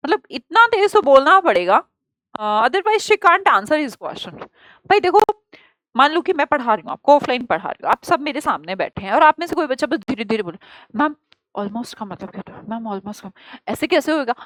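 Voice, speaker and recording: A woman with an Indian accent gives an exam-prep grammar lesson in a high, bright-pitched voice. She explains with lively rhetorical questions and calls her students "child". The sound is close and dry, with no room echo. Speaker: teacher.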